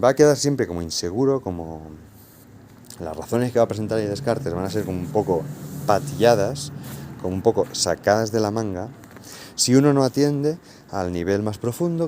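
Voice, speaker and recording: A Spanish man with a low, mellow voice lectures on philosophy to his students. He searches for words aloud, stumbling and restarting, and keeps checking that the class is following him. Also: a little hiss or hum. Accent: Spain Spanish. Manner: hesitant, many fillers and restarts; explains patiently, checks in with "¿vale?". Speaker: philosophy teacher.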